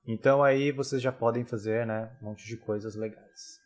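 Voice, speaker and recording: A man leads a casual screen-recorded software lesson. His voice sits at an ordinary middle pitch, close on a desktop mic. He keeps it relaxed and chatty, checking in with listeners through frequent tag questions. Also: moderate pace. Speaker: software tutorial instructor.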